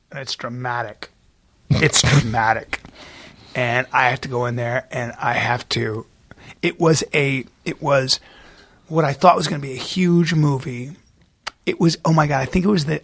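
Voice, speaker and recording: A man's voice: medium pitch, gravelly, fairly bright tone. A man co-hosting a podcast, telling self-mocking anecdotes in casual chat and laughing often as he goes. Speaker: podcast co-host.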